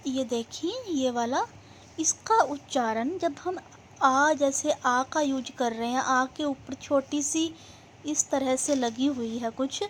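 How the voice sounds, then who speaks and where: A high-pitched woman teaching a class, speaking slowly and deliberately. She poses questions to her pupils and then answers them herself. A faint hum of noise sits behind her voice. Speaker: school teacher. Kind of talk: classroom grammar lesson.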